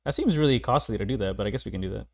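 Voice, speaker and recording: A man's voice: fairly low pitch, expressive, very fast, gravelly, heavy background noise. A young man streaming a video game, rambling in casual commentary, laughing often and swearing casually. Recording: game music playing behind.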